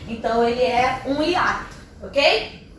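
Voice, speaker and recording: High-voiced Brazilian woman teaching, echoey. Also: measured pace, fairly bright tone, slight background noise. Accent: Brazilian Portuguese. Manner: explanatory, checks in with tags like "tá?" and "ok?". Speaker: Portuguese teacher. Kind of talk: classroom lesson. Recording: very echoey room, mic far off.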